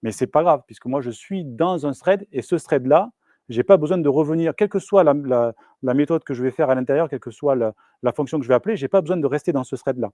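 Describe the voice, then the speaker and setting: Male engineer presenting at a meetup, halting delivery, dry sound. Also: on the high side, mellow, no room sound. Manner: casual, hesitant, many fillers and restarts. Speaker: software engineer giving a meetup talk. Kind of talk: live technical presentation. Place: meetup room.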